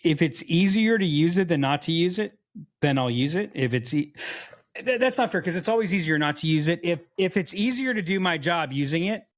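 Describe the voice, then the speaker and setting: A man's voice: fairly high pitch, animated, a little fast. A man co-hosting a podcast in casual chat, blunt and joking, teasing his co-host.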